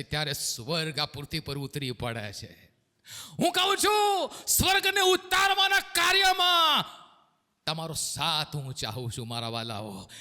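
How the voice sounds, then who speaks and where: A male pastor preaching a sermon, swinging between shouted lines and hushed low ones. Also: big-room sound.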